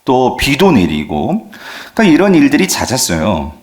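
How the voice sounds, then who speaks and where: Lively Korean pastor preaching. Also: male voice, medium pitch, normal speed. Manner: lively preaching with questions to the congregation; frequent affirming "ye" fillers. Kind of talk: sermon.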